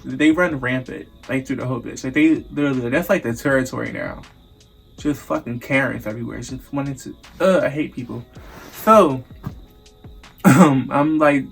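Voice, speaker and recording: A young man from the United States telling a casual, profane storytime vlog, acting out the voices of the people he quotes. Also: a little high. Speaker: vlogger.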